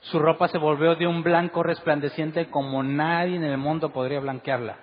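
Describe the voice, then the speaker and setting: A man's voice: on the high side, level tone, normal speed. A man preaching a sermon as pastor, asking the congregation one rhetorical question after another. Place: church hall. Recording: dull recording with long hall reverb.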